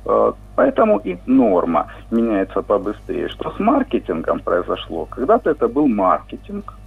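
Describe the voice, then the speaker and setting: Professor on a tinny phone line. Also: male voice, fairly low pitch, wildly swooping pitch, vocal fry, slightly rough. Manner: measured, lecturing with many hesitations. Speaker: linguistics professor, phone guest. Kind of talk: radio phone interview.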